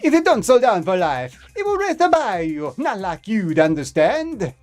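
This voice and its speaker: A man doing a loud Italian pasta gangster. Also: high-pitched, wildly swooping pitch, unhurried, faint music behind, pitched above the performer's own voice, exaggerated voice. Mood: scornful. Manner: loud, blustering. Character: brash hot-tempered pasta gangster cowboy, male.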